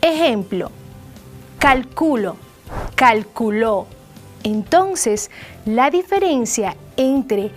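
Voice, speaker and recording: A woman teacher giving a scripted lesson, slowly stressing and repeating key phrases. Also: fairly high pitch. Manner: slow, drawn-out repetition of key phrases. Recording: faint background music.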